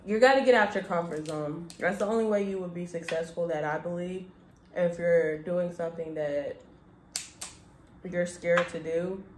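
Sitting at a table in an indoor room, a young woman co-hosts a mukbang, chewing and chatting casually in a lowish, steady voice at normal speed. The recording is echoey, with light background noise.

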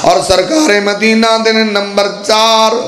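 High-voiced preacher, drawn-out cadence. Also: male voice, level tone, fairly bright tone, faint music behind. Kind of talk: sermon.

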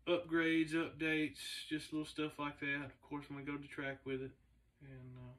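Halting man in a garage. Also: on the high side, completely flat delivery, a bit bright. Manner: halting, with many "uh" fillers, laid-back. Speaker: race car builder and shop owner. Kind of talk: casual vlog talk. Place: large indoor garage shop. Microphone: camera a few meters away. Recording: distant camera mic in a garage.

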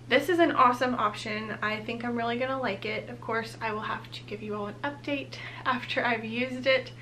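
Chatty and cheerful, a vlogger who is young, heavily pregnant, and slightly breathless talks through a product unboxing. She has a fairly high, fairly bright voice, and there's a bit of background noise.

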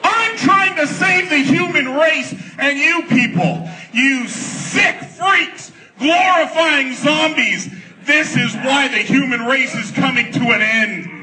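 A man playing an angry, zombie-hating militant villain in a wrestling promo, belligerently shouting drawn-out taunts at a crowd. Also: extremely high pitch, expressive, exaggerated voice. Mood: angry, defiant. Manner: belligerent, emphatic, drawn-out ranting. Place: stage of a large cinema theatre, live event. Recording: distant audience camera, noisy loud crowd.

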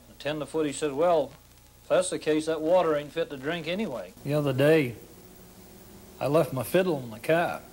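A man's voice: fairly high pitch, a little mellow, breathy edge. A man in his forties with a Maine accent, telling folksy tall tales in a dry, drawling, plain-spoken way on a kitchen set. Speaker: storyteller host. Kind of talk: folksy tall-tale storytelling.

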